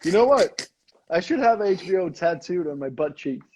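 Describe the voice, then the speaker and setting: A man's voice: sits high, big pitch swings, noisy background. A man chatting casually and teasing a friend on a live stream. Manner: teasing, laid-back, quick to laugh. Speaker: actor co-hosting a live stream. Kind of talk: casual joking chat. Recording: slightly dull lo-fi stream audio.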